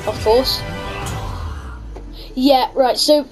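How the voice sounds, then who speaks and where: Female gaming host, high-pitched, chatty and reactive, casual commentary over background music. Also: drawn-out words. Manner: chatty, reacts aloud to the game. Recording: music behind the voice.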